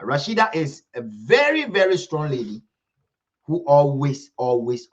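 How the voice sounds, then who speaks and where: A man's voice: mid-range voice, highs cut off. A man hosting an online commentary livestream, talking emphatically, repeating himself and pleading with viewers.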